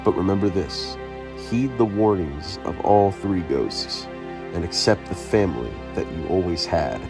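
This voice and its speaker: A man voicing a stern, mocking ghost who passes judgment slowly. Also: lively intonation, music in the background. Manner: slow, deep, taunting. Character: stern male final ghost, mocking judge.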